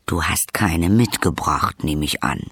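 A man voicing a gruff, dry-humored older leader who speaks with impatience. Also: a bass voice, a little slow, a bit bright, dry recording, voice pushed down, exaggerated voice.

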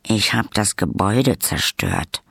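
A man's voice: fairly low pitch, big pitch swings, unhurried, gravelly, fairly bright tone, slightly rough, no room sound, clean studio sound, full character voice. A man voicing an earnest, flustered young prince who talks eagerly.

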